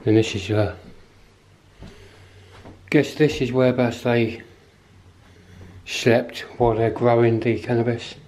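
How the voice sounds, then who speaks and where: A man's voice: medium pitch, level tone, takes it slowly, pauses often, darkish tone. A man giving casual, offhand walkthrough commentary as he explores an abandoned pub, recorded on a handheld camera mic while walking. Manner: chatty, offhand, thinking aloud. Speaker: urban explorer vlogger.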